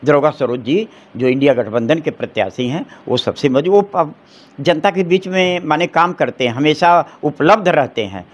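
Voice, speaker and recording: In an interview, a middle-aged man who works as an advocate pushes hard political views, peppering his talk with rhetorical questions and phrases he starts over. His pitch is a little high, his intonation lively and his pace moderate.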